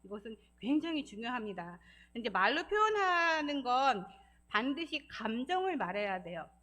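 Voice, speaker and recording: Church lady giving a sabbath lesson, kinda high voice, lively, acts out the quotes, laughs a lot. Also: normal speed. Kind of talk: Sabbath school talk.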